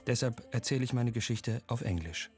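A man reading a voice-over translation in a calm, even way. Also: mid-range voice, brisk, slightly rough, soft background music.

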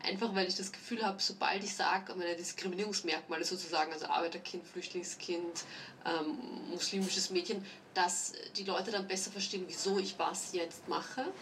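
A woman's voice: fairly low pitch, fairly even intonation, moderate pace, a bit bright, distant mic, slight background noise. A young woman answering an interview question hesitantly, searching for words. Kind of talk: recorded interview.

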